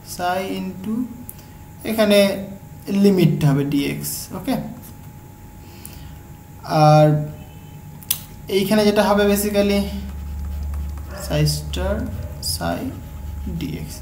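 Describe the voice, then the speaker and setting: A woman with a Bengali accent teaching exam-prep physics, explaining each step slowly and often pausing to ask her students whether they follow. Her voice carries a noticeable echo from the room. A faint hum sits underneath. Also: mid-range voice, darkish tone. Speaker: physics tutor.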